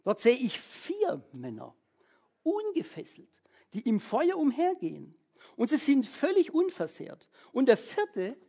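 A preacher reading out the words of an astonished, proud ancient king in a slow, raised voice. The voice is husky. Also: medium pitch, expressive, darkish tone. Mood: proclaiming.

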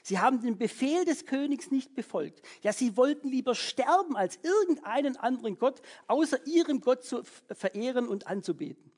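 A preacher reading out the words of an astonished, proud ancient king in a slow, raised voice. The voice is husky. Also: high-pitched, animated, a little mellow, pitched above the performer's own voice. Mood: proclaiming.

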